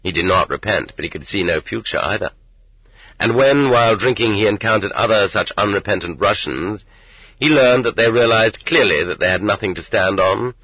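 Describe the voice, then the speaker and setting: Husky low-voiced male narrator. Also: animated, no echo, muffled recording. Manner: measured, earnest reading with quoted voices lifted higher. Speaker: audiobook narrator. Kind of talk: scripted narration.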